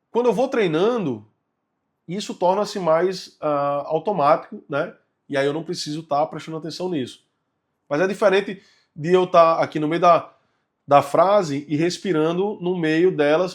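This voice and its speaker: A man giving a recorded video lesson, talking to viewers in a conversational way and checking in with them often. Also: a little high. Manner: conversational, addresses viewers directly with frequent "né?". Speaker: course instructor.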